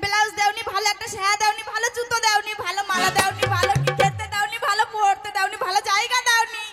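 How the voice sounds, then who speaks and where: A woman playing a sharp-tongued village wife in a folk stage comedy, scolding fast. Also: flat delivery, long reverb tail. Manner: shrill scolding, rapid retorts. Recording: loud live music behind.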